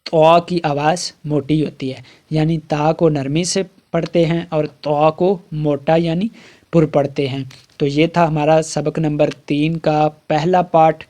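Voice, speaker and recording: Man slowly drilling letter sounds. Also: on the high side, a little mellow. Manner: drawn-out, carefully articulated syllables with brisk explanatory asides. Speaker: Quran reading teacher. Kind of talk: slow letter-by-letter recitation drill.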